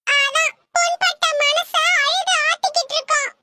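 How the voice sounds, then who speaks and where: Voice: very high-pitched, fairly even intonation, normal speed, pushed and bright, faint music behind, heavily acted. A performer voicing a cheeky wisecracking schoolboy who talks back to his teacher in a comedy cartoon. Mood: mock-weepy.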